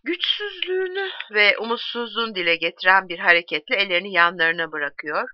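A woman reading a novel aloud in a measured, expressive way. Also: medium pitch, no room sound, lo-fi sound. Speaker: audiobook reader.

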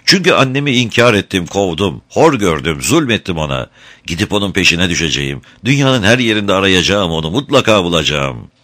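A man's voice: sits low, big pitch swings, brisk, full character voice. A man voicing a proud, cruel young boy in a storybook reading. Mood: remorseful. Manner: haughty, shouting.

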